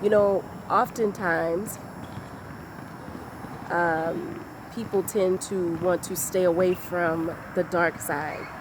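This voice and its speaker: A woman giving a motivational talk in a deliberate, repetitive, emphatic way. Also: fairly low pitch, fairly even intonation, noisy background. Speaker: motivational speaker.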